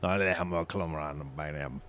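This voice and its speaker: A man's voice: very deep voice, fairly quick, fairly bright tone. A man working as game master, narrating a tabletop role-playing game in a casual way.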